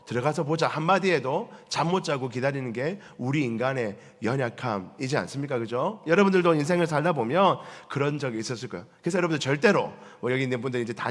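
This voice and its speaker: A man's voice: medium pitch, fairly bright tone. A man, telling stories and acting out the voices of the people in them. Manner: storytelling, acting out voices of biblical figures and questioning the congregation. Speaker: pastor. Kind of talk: sermon. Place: church sanctuary. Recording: echoey church hall.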